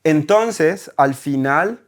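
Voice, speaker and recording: A man with a Costa Rican accent, a German teacher talking as a guest in an interview, animated and full of rhetorical questions. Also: on the high side, extremely slow. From Costa Rica. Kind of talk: conversational interview.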